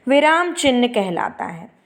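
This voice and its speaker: A woman's voice: fairly high pitch, sing-song, measured pace. A woman teaching a grammar lesson, speaking with an emphatic cadence and tag questions, posing questions to her class and answering them herself. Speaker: Hindi teacher.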